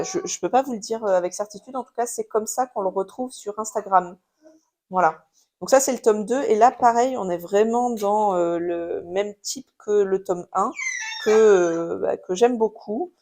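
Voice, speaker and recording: A woman's voice: mid-range voice, a little mellow, a little hiss or hum. Chatty French woman showing craft buys. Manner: chatty, many fillers and restarts. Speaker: craft YouTuber showing purchases. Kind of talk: casual haul video chat. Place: home with a baby nearby.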